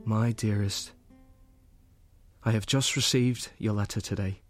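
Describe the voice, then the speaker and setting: An actor giving a gentle, earnest reading as a young soldier writing love letters to his sweetheart from the front. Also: fairly low pitch, fairly even intonation, unhurried, soft background music, close to an everyday voice. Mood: tender. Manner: earnest, gentle, softly intimate.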